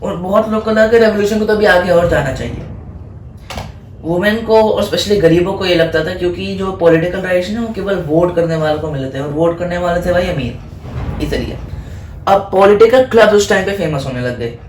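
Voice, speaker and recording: A man teaches history in a casual exam-prep style, moving between Hindi and English. He asks himself questions and then answers them, and he stumbles on French names. His voice sits a little high and sounds roomy and echoey, with faint noise underneath. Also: brisk. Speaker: history tutor.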